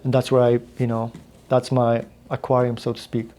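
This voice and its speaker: A man's voice: mid-range voice, monotone, normal speed, mellow. A man, telling his life story as a podcast guest, full of restarts and fillers. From Poland. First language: Polish. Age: 30s. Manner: rambling with frequent restarts and fillers. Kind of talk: casual interview storytelling.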